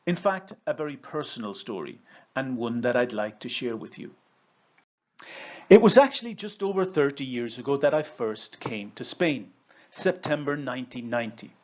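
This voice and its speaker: Casting: Irish man, 50s, mid-pitched, measured storytelling presenter and trainer, slightly dull lo-fi recording. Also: animated. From Ireland. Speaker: coach and trainer. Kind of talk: prepared video presentation with storytelling.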